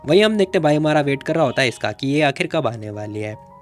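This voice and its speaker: A man's voice: fairly high pitch, lively intonation, fast talker, faint music behind. A man retelling a comic story in a casual, chatty, conversational way, mixing in English words.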